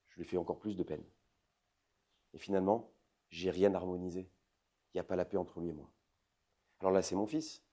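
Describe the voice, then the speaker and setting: A man in his forties, a rabbi, giving a lively lecture to an audience, swinging between loud emphatic outbursts and soft intimate asides, often asking the listeners questions. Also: low-pitched, breathy edge. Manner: addresses the audience directly with questions.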